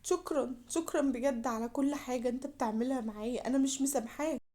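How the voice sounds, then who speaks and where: A woman voicing a suspicious young wife in an Egyptian accent, muttering in a hushed, sulky way. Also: fairly high pitch, little pitch movement, racing, slightly rough. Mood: hurt sulky.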